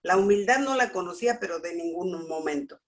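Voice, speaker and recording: A middle-aged woman gives a personal testimony at a church family class, telling her story with lively expression and acting out what people said. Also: lowish voice, fairly quick. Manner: animated storytelling, acts out dialogue. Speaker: speaker at a church family school.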